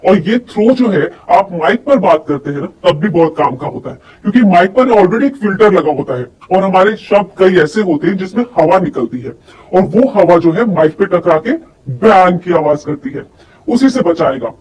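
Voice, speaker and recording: Speaking straight to her audience, this woman teaches as a voice and personality coach, demonstrating and asking rhetorical questions. She sounds lowish, expressive, a bit mellow and slightly rough at a moderate pace, and the distant mic catches faint background noise.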